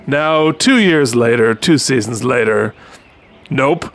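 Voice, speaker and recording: A man's voice: medium pitch, takes it slowly. A man playing a tabletop game, dry and joking. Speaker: player. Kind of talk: tabletop role-play chat.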